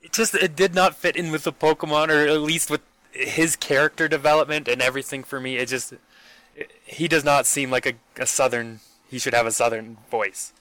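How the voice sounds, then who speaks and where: A man co-hosting a podcast, talking casually in a halting, exasperated way with restarts and repetition. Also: a little high, steady tone, pushed and bright, no echo, rough recording. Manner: exasperated, halting, repeats himself. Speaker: podcast co-host. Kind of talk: casual chat.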